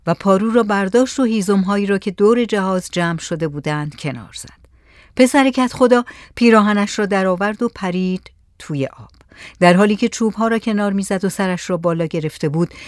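A woman reading a story aloud in a calm, measured narration, recorded close. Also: mid-range voice, no echo.

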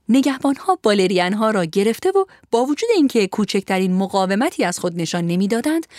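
A woman narrating a storybook in an expressive, lively storytelling manner. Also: mid-range voice, no room sound, clean studio sound.

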